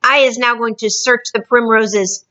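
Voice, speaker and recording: Lady putting on a loud mean giant guy, shouting high and harsh, dull lo-fi sound. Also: steady tone, unhurried. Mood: bullying. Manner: shouting insults, booming. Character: fifty-foot male giant, bullying and hungry.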